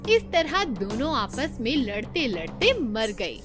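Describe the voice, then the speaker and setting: A woman narrates a children's story in a high, very expressive voice. Her scripted delivery is dramatic and unhurried, with music playing clearly behind her.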